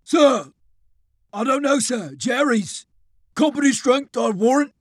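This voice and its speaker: A male narrator voicing a frightened, dutiful British army sergeant who speaks in halting, clipped bursts. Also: extremely high pitch, no echo, clean studio sound, voice pushed up, full character voice. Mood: shaken.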